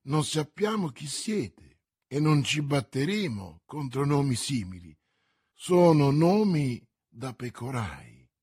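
A man reading aloud and voicing a haughty English lord in a stiff, formal manner with a husky voice. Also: mid-range voice, sing-song, slow pace, a little mellow, no echo, clean studio sound, exaggerated voice. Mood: disdainful.

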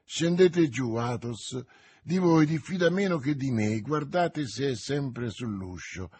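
A man reading aloud and voicing a bold young swordsman, earnest and commanding, in a husky voice. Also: mid-range voice, expressive, takes it slowly, darkish tone.

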